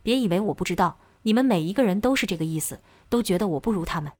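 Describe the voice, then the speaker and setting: A woman's voice: mid-range voice, animated, quick pace, a little mellow, breathy edge, no echo. A woman voicing a sneering, resentful young lightning wielder. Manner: sneering, defensive.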